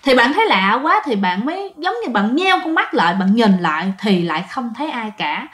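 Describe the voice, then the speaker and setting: A woman's voice: on the high side, very animated, brisk, fairly bright tone, roomy sound. A woman narrating a ghost story in a chatty way, often speaking straight to her listeners. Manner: chatty, addresses listeners directly.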